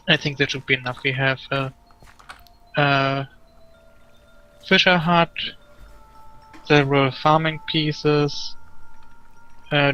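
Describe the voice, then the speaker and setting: A man chatting while playing a game, hesitant and pausing on many fillers as he lists things. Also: medium pitch, bright, forceful tone, lo-fi sound, slight background noise. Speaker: co-player. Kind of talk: casual chat while gaming.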